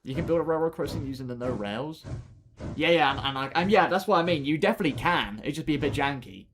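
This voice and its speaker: Over music and faint keyboard clicks, a young man live-streams a building game, talking fast with lively intonation in a voice on the high side. His chat with viewers is relaxed and full of fillers, frequent laughs and trailing-off sentences.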